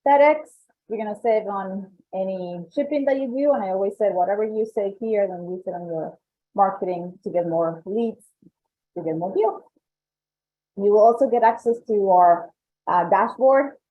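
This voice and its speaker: A membership coordinator with a Colombian accent presents member benefits on a webinar, sounding upbeat and salesy and repeating points for emphasis. Her mid-range voice moves at a moderate pace over tinny, phone-like call audio.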